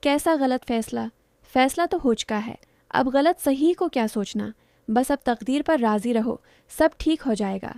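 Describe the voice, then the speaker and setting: A woman's voice: high voice, a little mellow, dry recording, clean studio sound. A woman voicing the playful, teasing young friend of a fiancée in a narrated story.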